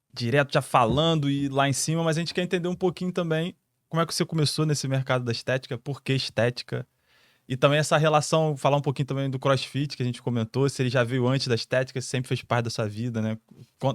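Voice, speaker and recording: A man from Brazil hosting a podcast, asking his guest relaxed, friendly questions. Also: medium pitch, fast talker, dry recording, clean studio sound. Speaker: podcast host. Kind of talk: interviewer, casual podcast.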